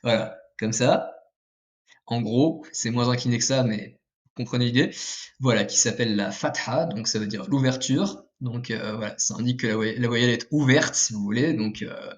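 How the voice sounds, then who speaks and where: Guy teaching a lesson, lots of ums, corrects himself, mid pitch, sketching as he talks. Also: moderate pace. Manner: hesitant, many fillers and self-corrections; drawing on paper while explaining. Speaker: language teacher. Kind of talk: casual explainer video lesson.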